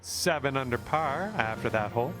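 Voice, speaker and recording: A man playing a calm golf commentator in a video game, encouraging the player directly. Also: medium pitch, normal speed, natural voice. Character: friendly adult male golf announcer. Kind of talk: scripted golf play-by-play. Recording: game audio with music and crowd. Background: music and crowd noise.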